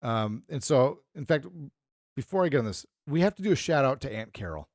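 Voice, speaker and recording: This middle-aged co-host talks a little fast in a mid-range voice, wandering through stories during casual podcast banter. He brings the people in them to life with animated impressions, captured in studio quality without room sound.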